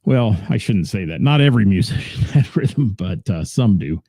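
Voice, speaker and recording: A man's voice: lowish voice, lively intonation, normal speed, warm tone, no room sound, studio quality. A man hosting a local radio show in a rambling, chatty, self-deprecating way, greeting listeners and talking about gigs. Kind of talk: casual radio chat reading listener comments.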